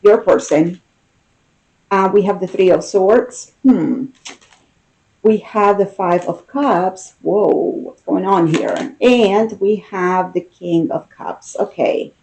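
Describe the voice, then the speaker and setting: A woman giving an intimate tarot reading in a casual, conversational manner, with unhurried, drawn-out emphasis and a mellow, soft-edged voice. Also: medium pitch, vocal fry, low-quality recording. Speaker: tarot card reader.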